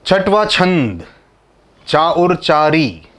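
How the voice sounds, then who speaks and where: A man slowly explaining the words of a devotional hymn, reciting verses and then patiently repeating what each word means. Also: fairly high pitch, very animated, a bit bright. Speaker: religious teacher explaining a hymn.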